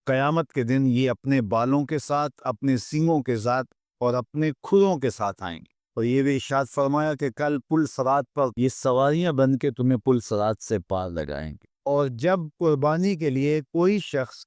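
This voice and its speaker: A man preaching an impassioned storytelling sermon, swelling and dropping dramatically and chanting verses slowly. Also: medium pitch, a little mellow, clear, resonant tone, no room sound, clean studio sound. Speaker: Islamic preacher.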